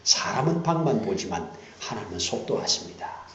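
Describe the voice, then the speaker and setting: A man pastor preaching a sermon, swinging from hushed whispers to loud emphatic lines and repeating key phrases for emphasis. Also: fairly low pitch, very animated, moderate pace. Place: church sanctuary. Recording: dull roomy church recording with faint hiss.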